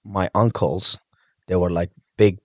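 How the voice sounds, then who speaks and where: Deep-voiced man from Morocco, chatty. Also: a little slow, no echo. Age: 30s. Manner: animated, laughing, fills with "like" and "you know". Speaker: judo instructor, podcast guest. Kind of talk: casual storytelling chat.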